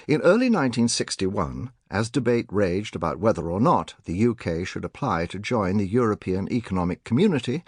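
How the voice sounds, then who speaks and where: A man reading a nonfiction audiobook in a measured, clearly articulated way, recorded on a close studio microphone. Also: fairly low pitch, no room sound. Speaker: audiobook narrator.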